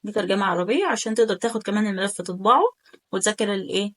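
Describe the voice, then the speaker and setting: Chatty Egyptian woman teaching German. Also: medium pitch. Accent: Egyptian Arabic. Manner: chatty, repeats German phrases slowly for drilling. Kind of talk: online language lesson.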